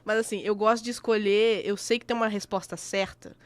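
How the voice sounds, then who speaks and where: A woman's voice: medium pitch, fairly even intonation, fairly quick, smooth. A young woman from Brazil, a podcast co-host in casual chat, playful and laughing often.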